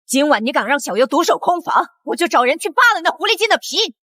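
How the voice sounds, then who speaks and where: A woman's voice: on the high side, expressive, a little fast, no echo, studio quality. A woman playing a protective, bossy middle-aged mother-in-law in a drama, scolding sharply. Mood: furious. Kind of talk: TV drama acting.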